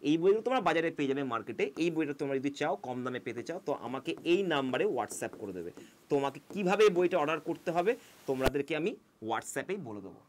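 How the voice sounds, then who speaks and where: Fast-talking Bengali-accented male teacher. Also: fairly high pitch, slight background noise. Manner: quick, coaxing, addresses students directly. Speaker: English teacher. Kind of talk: exam-prep lesson.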